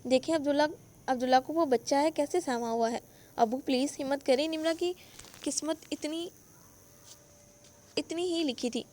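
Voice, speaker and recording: A grieving young man from an audio novel, voiced by a woman, crying as he comforts his parents. The voice is high and turns quieter as he speaks. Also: long pauses, lightly acted. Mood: consoling. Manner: crying, consoling.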